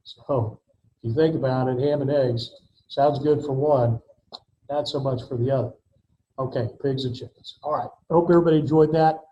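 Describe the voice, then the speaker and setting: A man, an adjunct professor, giving a recorded online lecture and filling his pauses with "okay" and "uh". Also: medium pitch, steady tone, warm tone. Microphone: video call mic. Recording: dull lo-fi video call audio with faint noise.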